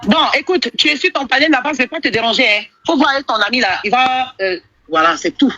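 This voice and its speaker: Bright defensive woman on a call. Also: high voice, animated, fast, no room sound. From Ivory Coast. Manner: hesitant, defensive, repeats herself. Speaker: caller on a live stream. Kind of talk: heated phone call on a live stream. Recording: muffled phone-call audio.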